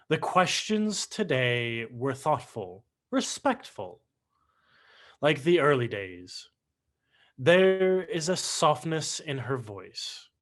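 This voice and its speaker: Over a video call, a man performs in a staged play reading as a reflective son reciting his journal, measured and deliberate. His voice is on the high side and fairly bright, with an exaggerated quality.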